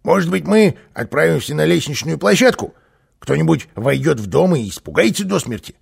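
A boastful, playful little flying man from a storybook , put on by a male narrator. The voice sits high and loud with a self-satisfied swagger, a raspy grain and wide, lively swoops of melody. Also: moderate pace, full character voice. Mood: eager. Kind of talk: audiobook character voice.

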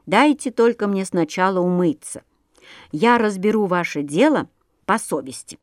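A woman voicing a good-natured male chimney sweep, who speaks in a calm, reasoning way. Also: mid-range voice, moderate pace, dry recording, studio quality, close to an everyday voice.

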